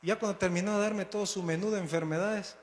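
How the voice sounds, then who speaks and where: Preacher man, slightly high voice, reverberant hall. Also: steady tone, fast, slight background noise. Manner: dramatic storytelling, voice swelling and dropping to build suspense. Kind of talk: storytelling sermon. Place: church sanctuary. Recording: long church hall reverb.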